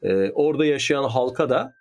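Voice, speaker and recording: A man's voice: mid-range voice, lively intonation, normal speed, a little mellow. A man in casual conversation, explaining history at length in a thoughtful, hedging way. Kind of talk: casual chat.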